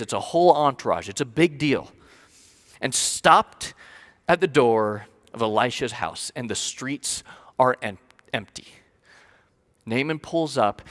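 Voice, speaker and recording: A man preaching a sermon, retelling a scripture story in a casual, animated way with many "like" fillers. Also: sits high. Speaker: pastor.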